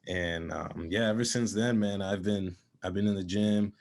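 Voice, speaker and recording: Born in Zimbabwe and brought up in South Dakota from the age of four, this young adult guest talks easily on a podcast in relaxed slang. He speaks at normal speed in a lowish, darkish voice with fairly even intonation.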